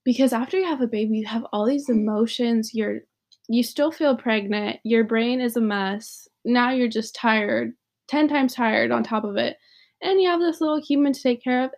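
A woman's voice: on the high side, darkish tone. A young woman hosting a podcast, chatting candidly and joking, laughing often. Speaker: podcast host. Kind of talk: casual chat.

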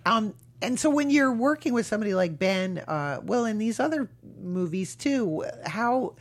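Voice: mid-range voice, animated, moderate pace. An interviewer asking hesitant questions full of fillers and restarts.

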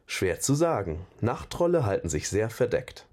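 A man voicing a calm, diplomatic male companion who speaks in a measured, placating way. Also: on the low side. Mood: thoughtful.

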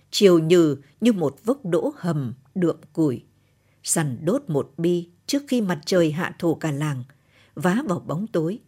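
A woman narrating a literary short story for radio in a measured, solemn reading. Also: on the low side, dark tone, husky.

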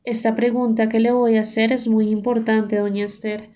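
Cautious male priest in a spoken story, read by a woman; measured, with a flat, mellow tone. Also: on the high side, natural voice. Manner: measured, questioning. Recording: dull muffled recording.

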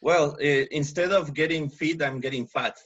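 A man's voice: fairly high pitch, normal speed, a bit bright, dull audio. A man hosting a casual podcast, speaking hesitantly with frequent restarts. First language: Spanish. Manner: hesitant, restarts often in English. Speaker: podcast host.

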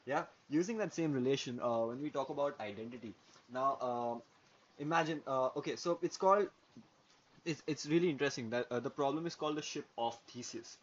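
Muffled lo-fi audio with background noise carries a man's brisk, medium-pitched voice. He co-hosts a podcast, talking philosophy casually and hesitantly, his speech full of tag words such as "yeah" and "okay."

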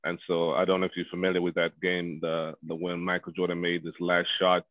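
A man's voice: deep voice, completely flat delivery, fairly quick, no echo. A man from Zambia, a former basketball player, answering interview questions in a rambling way with many fillers. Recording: phone-like call audio.

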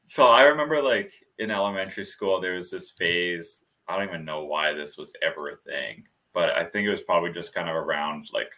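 A man co-hosting a podcast, telling stories in a casual, animated way with frequent laughs. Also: sits low, brisk, hardly any pauses. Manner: animated storyteller, laughs often. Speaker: podcast co-host. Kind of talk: casual chat.

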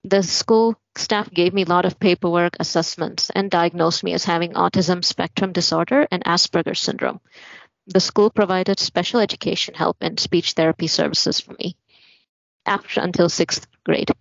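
A young woman from Malawi tells her story in a steady, matter-of-fact way. Her voice sits low. The audio is muffled and dry. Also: normal speed, gravelly, no echo. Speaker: guest. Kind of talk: personal story in a podcast interview.

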